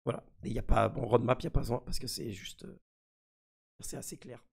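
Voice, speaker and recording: Husky, creaky-voiced man. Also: mid-range voice, steady tone, a little fast, a little mellow. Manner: mischievous, trolling his community. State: sick. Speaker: streamer presenting a crypto NFT project. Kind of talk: casual live screen commentary.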